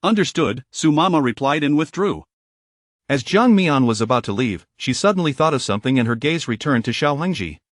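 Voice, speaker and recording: A man narrating a story in a steady, even way. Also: medium pitch, a little fast, no room sound, studio quality.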